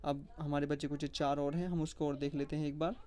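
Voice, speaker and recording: A teacher explaining a lesson step by step, speaking directly to the viewer and slowly repeating letter sounds one at a time. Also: medium pitch, flat delivery, a little mellow. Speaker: shorthand teacher.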